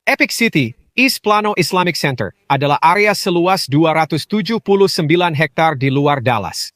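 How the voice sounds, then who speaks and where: A man narrates a scripted explainer in a measured way. His voice sits a little high, and the dry recording has no reverb. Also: lively intonation, a bit bright. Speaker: voice-over narrator.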